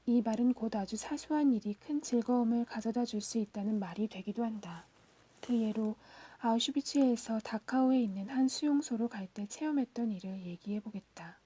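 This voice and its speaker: A woman giving a whispered audiobook reading in a soft, hushed and steady manner. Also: on the high side, husky, no echo. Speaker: audiobook reader.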